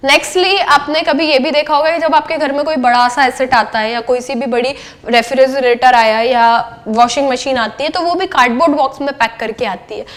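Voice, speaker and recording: High-voiced woman teaching accountancy. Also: normal speed, few pauses, fairly bright tone. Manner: asks questions and answers them herself; mixes English terms into Hindi speech. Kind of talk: classroom lecture.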